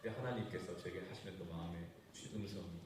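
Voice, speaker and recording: Male pastor, sermon, animated storytelling, booming church echo, voice from far off. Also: fast, background noise. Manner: animated storytelling with sudden swings between loud and hushed. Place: church sanctuary. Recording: echoey church hall, voice from far off.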